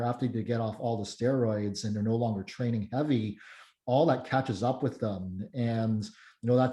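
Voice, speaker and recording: A man in his mid-thirties talks loosely through a podcast chat, circling back and restarting his sentences. His voice is mellow and a little dark, and it carries a roomy echo. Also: medium pitch. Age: 30s. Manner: rambling, many restarts and fillers. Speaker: strength coach and guest.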